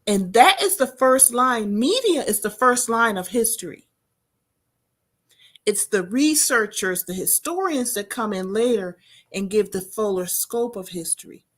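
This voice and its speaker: A woman's voice: fairly high pitch, unhurried. A woman from Georgetown County, South Carolina, speaking earnestly and reflectively as a guest in a panel discussion. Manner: earnest, reflective, animated when telling stories.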